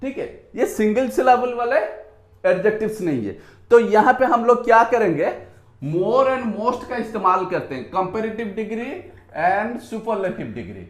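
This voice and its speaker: A man with an Indian accent teaching an English grammar lesson at a whiteboard, saying words slowly and repeating them, switching between Hindi and English. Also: sits high, lively intonation. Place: room with a whiteboard. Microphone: phone on a tripod. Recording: echoey room.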